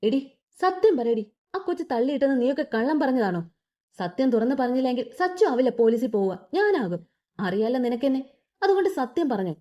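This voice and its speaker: A woman's voice: high-pitched, big pitch swings, a little fast, dark tone. Woman doing a shaken, trembling mother. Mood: distraught. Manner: trembling, scolding. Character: shaken middle-aged mother, trembling and enraged.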